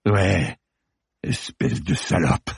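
A man reading an audiobook, voicing a young male student with a raspy, grating voice that growls low. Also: drawn-out words, no echo, clean studio sound, full character voice. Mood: menacing. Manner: growling low, then panicky and shrill.

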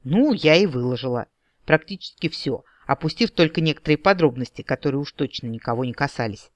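Man, audiobook narrator, higher male voice, dry close recording, expressive. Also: fairly quick, no room sound, dull audio. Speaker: audiobook reader. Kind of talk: first-person fantasy audiobook narration. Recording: dry home-studio reading.

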